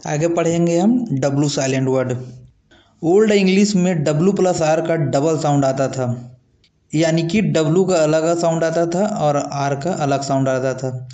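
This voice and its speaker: A man's voice: fairly high pitch, a little slow, mellow, roomy sound. A man teaching English pronunciation in a patient, repetitive classroom manner, often checking understanding with short tag questions. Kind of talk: classroom-style lesson explaining pronunciation.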